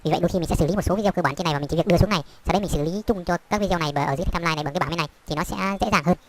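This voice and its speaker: A high, squeaky, childlike voice, a man's speech sped up and rushing along at a breakneck clip. It is heard from a little distance through the speed effect. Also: background noise. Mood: chirpy. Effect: sped-up playback.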